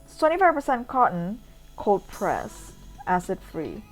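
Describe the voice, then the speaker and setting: With huge pitch swings and an unhurried, medium-pitched voice, an Indonesian woman narrates a rambling, casual voice-over tour like the vlogger and urban sketcher she is. The recording is rough, with background music underneath.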